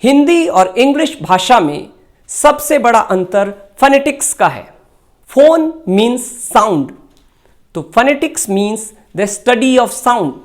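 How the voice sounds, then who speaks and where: Slow, deliberate Indian woman teacher. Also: fairly high pitch, sing-song. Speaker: English teacher. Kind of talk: scripted lesson narration.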